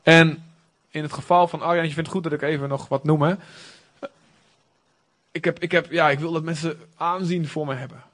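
Earnest man preaching, slightly high voice. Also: fairly even intonation, normal speed, fairly bright tone. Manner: earnest, conversational, emphatic. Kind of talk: sermon.

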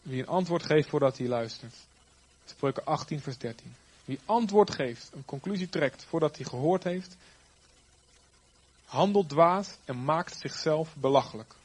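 A man preaching a sermon, swinging from loud, emphatic lines to quiet, trailing ends. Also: fairly high pitch, animated, unhurried, breathy edge.

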